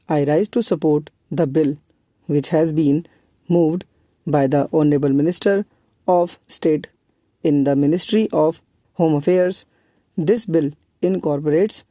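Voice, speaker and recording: A person dictating a formal passage at a very slow, deliberate pace. The tone is very dark and mellow, with a medium pitch. Phrases come in short, separated pieces, as for transcription practice, and the sound is dry and close. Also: dry recording.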